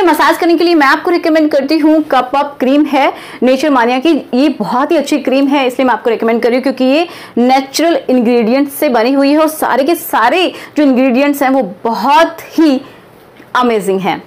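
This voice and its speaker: A woman presenting a beauty product in a conversational explainer, often checking in with her listeners as she goes. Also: sits high. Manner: chatty, keeps checking in with listeners. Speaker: product presenter and health adviser.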